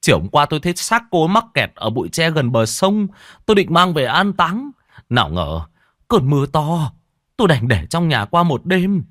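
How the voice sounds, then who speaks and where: A man's voice: a little high, fairly bright tone, no room sound, clean studio sound, voice pushed up. A man voicing a weary old villager who pleads earnestly with his neighbors. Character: aging gravedigger, weary and pleading.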